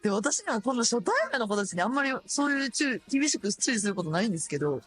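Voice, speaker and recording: A radio host in her thirties with a Kansai accent and a hoarse voice, chatting casually and animatedly. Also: a little high, fast, faint music behind. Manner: chatty, animated, laughs often.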